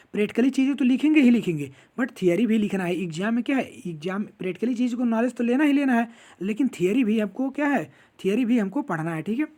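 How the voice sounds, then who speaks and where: A man's voice: high-pitched, a little mellow. A man teaching an online classroom lecture, explaining step by step and checking in with "ठीक है" after almost every point.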